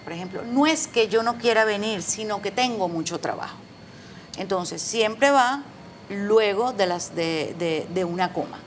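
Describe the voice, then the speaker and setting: A woman's voice: mid-range voice, unhurried. A middle-aged woman, a Spanish teacher, patiently explaining spelling rules with examples in an interview. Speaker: Spanish teacher and proofreader, guest. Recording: faint background noise.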